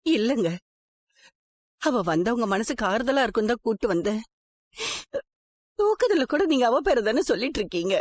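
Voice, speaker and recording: A middle-aged actress playing a gentle, worried mother who soothes her sick husband and pleads with their daughter in a TV serial. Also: fairly high pitch, sing-song, moderate pace, long pauses, no echo. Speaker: wife and mother. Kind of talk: TV serial acting.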